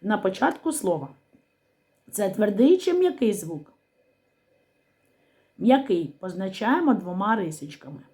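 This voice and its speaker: A woman teacher with a Ukrainian accent leads a lesson for small children. She speaks slowly and deliberately, pronouncing every sound with care. Her voice is soft and mellow, and she pauses after each question. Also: medium pitch, very animated. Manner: slow, clearly articulated, question-and-answer with pauses. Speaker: primary school teacher. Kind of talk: slow literacy lesson for young children.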